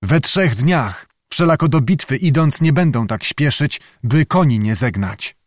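A man's voice: medium pitch, lively intonation, unhurried, no room sound, studio quality, close to an everyday voice. A man doing a boyish young nobleman. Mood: earnest. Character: young boyish male nobleman bringing news.

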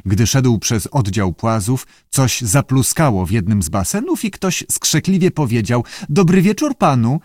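A man reading an audiobook in a steady, measured way. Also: mid-range voice, no echo, studio quality. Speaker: narrator.

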